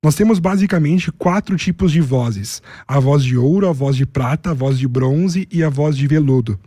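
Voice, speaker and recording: A public speaking coach with a Brazilian accent, appearing as an interview guest, lays out his methods step by step in numbered lists. His voice is on the high side and dark-toned at normal speed, recorded in studio quality with no echo.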